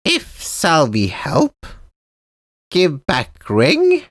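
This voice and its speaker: Salvi, a squeaky lizard monster girl, voiced by a man. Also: huge pitch swings, extremely slow, a bit bright, no room sound, clean studio sound, full character voice. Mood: pleading. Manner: broken baby-talk grammar, refers to herself by name. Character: small greedy female lizard monster girl, petulant.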